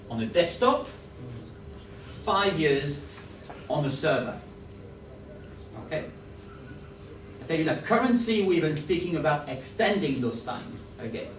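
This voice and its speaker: A French-accented man with a slightly high voice presents a talk in a large conference hall, speaking with animation and often asking whether the audience follows and agrees. He's recorded from a distance with roomy hall acoustics and slight background noise.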